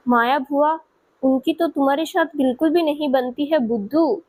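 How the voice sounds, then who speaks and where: A woman's voice: high voice, moderate pace, darkish tone, lightly acted. A woman voicing a caring household auntie comforting a child in a spoken story. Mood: soothing. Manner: soothing, affectionate.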